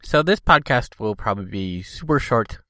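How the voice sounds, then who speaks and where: A man's voice: lowish voice, expressive, normal speed, bright, forceful tone, no echo, clean studio sound. A man hosting a casual solo podcast, rambling informally, congested with a cold and talking a little thickly from a swollen tongue. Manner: informal, loosely hedged rambling. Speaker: podcast host.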